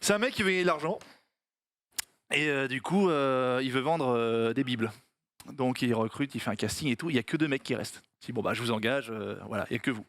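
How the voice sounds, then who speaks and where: A man's voice: mid-range voice, a bit bright, no room sound. A man telling a joke to his friends on a chat show. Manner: joking, slows down to narrate. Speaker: show regular.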